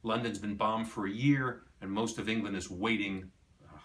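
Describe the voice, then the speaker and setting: A middle-aged collector showing a visitor his library tells a story about one of his items. His voice is lowish and steady at a moderate pace, and he acts out the quoted dialogue.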